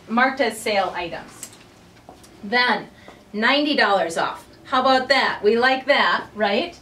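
A woman's voice: on the high side, a bit bright, far from the mic, a little hiss or hum. A woman who owns a boutique, chatting upbeat and directly to viewers as she presents a sale inside her shop. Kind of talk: casual promotional talk.

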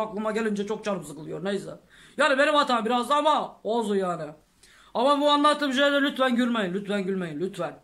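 Very high-voiced rambling man. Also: fairly bright tone. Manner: rambling, constant religious oaths, chuckling. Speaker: vlogger. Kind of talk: casual storytelling to camera.

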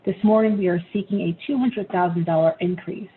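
A woman presenting an agenda item over a teleconference line in a steady, businesslike way. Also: on the low side, a little fast. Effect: heard over a teleconference line. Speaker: staff presenter. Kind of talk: formal scripted presentation. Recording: tinny phone-line sound, faint noise.

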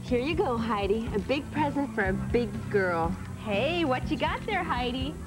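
A woman's voice: fairly high pitch, expressive, normal speed, music in the background, lightly acted, rough recording. An actress playing a cheerful young woman handing presents to children in a sitcom. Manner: cheerful, coaxing. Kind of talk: sitcom acting.

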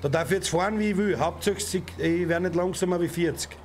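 High-voiced Austrian streamer who yells at traffic. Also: male voice, steady tone, quick pace. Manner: swears and shouts at other drivers. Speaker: gaming streamer. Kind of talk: let's play commentary. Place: home gaming room. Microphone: desk mic with headset.

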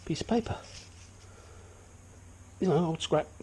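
Here the hobbyist engine restorer, an older man with a sniffly nose, sits on the high side, speaking at a measured pace with a slightly mellow tone. His casual workshop walkthrough is blunt, chatty and self-deprecating, recorded in his cluttered home garage with a little hiss or hum.

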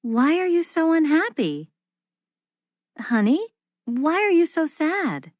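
A woman's voice: sits high, sing-song, extremely slow, darkish tone, dry recording, clean studio sound, full character voice. A woman voicing a soothing textbook girlfriend. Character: young woman Jasmine soothing her boyfriend. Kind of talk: scripted textbook dialogue recording.

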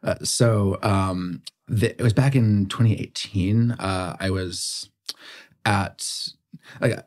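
A young man from Bermuda, a podcast guest, telling stories in a relaxed way, full of "like" and "um". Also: fairly low pitch, takes it slowly. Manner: relaxed storytelling, heavy use of "like" and "um". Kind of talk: casual conversational interview.

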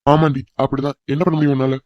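A man's voice: mid-range voice, flat delivery, rapid-fire, no room sound, muffled recording, lightly acted. A man voicing an arrogant, hot-tempered rich young man in a cartoon drama, who talks in a scornful, mocking way. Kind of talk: cartoon voice acting.

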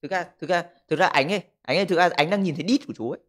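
A man's voice: on the high side, racing, a bit bright. A man, livestreaming from a room at home and joking crudely as he reads viewer comments into a desk mic. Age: 20s. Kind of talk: casual livestream chat. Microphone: desk microphone.

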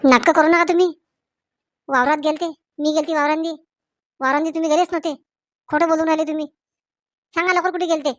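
A sharp-tongued village mother-in-law, played by a woman, nagging and scolding in a Varhadi Marathi accent. Her voice is high and the recording is dry. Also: steady tone, quick pace, pauses often, no room sound, lightly acted. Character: nagging middle-aged mother-in-law Shanti. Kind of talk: comedy sketch acting.

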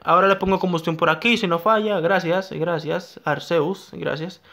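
A young man giving excitable live gameplay commentary, talking to himself and his viewers and repeating his phrases. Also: high voice, normal speed, slight background noise. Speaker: gaming YouTuber.

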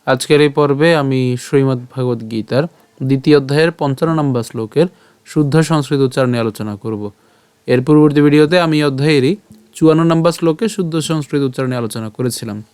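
A man teaching a pronunciation lesson, slowly spelling out and chanting Sanskrit verses syllable by syllable. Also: medium pitch, darkish tone, clean tone, dry recording. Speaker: Gita recitation teacher.

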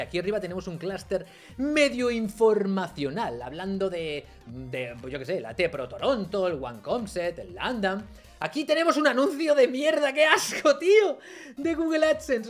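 High, lively man in his thirties; dramatic vlog explainer who swears and swings from yelling to muttering; faint music under him. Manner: theatrical, swears freely, big swings between shouting and mumbling. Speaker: online marketing youtuber.

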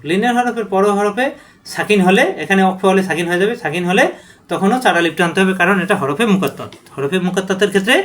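A man's voice: sits high, fairly bright tone. A man teaching Quran letter reading, chanting each letter name long and drawn out and then explaining how to pronounce it. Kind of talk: letter-by-letter recitation lesson.

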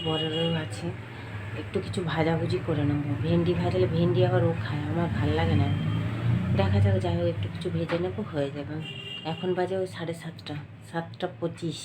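A middle-aged woman chatting casually to her viewers at home, rambling about her day, with a cold and a slightly hoarse throat. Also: lowish voice, very noisy. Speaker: vlogger. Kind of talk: casual daily-life vlog chat.

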